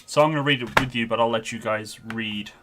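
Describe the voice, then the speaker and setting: A man's voice: medium pitch, brisk, fairly bright tone, slight background noise. A man doing casual live-stream game commentary into a headset, out of breath and chatty, with frequent ums.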